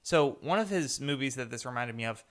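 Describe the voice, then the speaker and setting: A young man co-hosting a podcast, chatting casually about a movie and acting out scenes with sudden loud bursts. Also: medium pitch, fairly quick. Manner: animated, acts out scenes with sudden loud outbursts. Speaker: podcast co-host. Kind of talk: casual film discussion.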